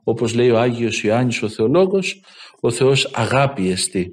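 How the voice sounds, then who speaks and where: A man's voice: mid-range voice, animated, darkish tone. A man, a Greek Orthodox priest, giving a sermon that retells stories and raises his voice for quoted speech. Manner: retells anecdotes, lifting his voice for quoted lines. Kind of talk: sermon with storytelling.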